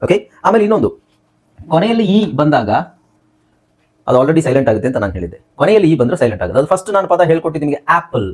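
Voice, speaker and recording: A man's voice: on the high side, sing-song, racing, darkish tone, breathy edge. A man teaching a spoken English lesson, spelling words letter by letter, repeating them and asking his class questions that he then answers.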